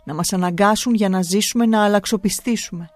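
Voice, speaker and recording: A woman's voice: mid-range voice, no room sound, natural voice. Storybook boy, defiant but scared, pleading hard; woman reader. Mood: indignant. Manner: earnest, vehement pleading.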